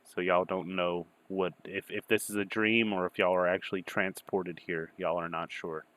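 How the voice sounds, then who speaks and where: A man acting as game master, improvising narration for a tabletop game in an informal, halting way. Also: low voice, little pitch movement, a bit bright, no echo.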